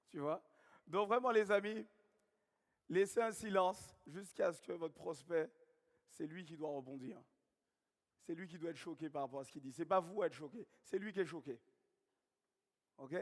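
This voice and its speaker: A man with a Guadeloupean accent giving a network marketing training seminar, repeating key points and questioning the audience. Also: fairly high pitch. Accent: Guadeloupean French. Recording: long hall reverb.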